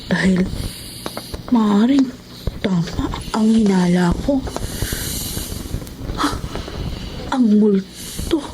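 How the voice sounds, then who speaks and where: A woman's voice: medium pitch, drawn-out words, long pauses, noisy background. An actress playing a frightened young woman who sees a ghost, stammering and tearful, in a radio horror drama. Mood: uneasy narration. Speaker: voice actor. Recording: radio drama with loud music underneath.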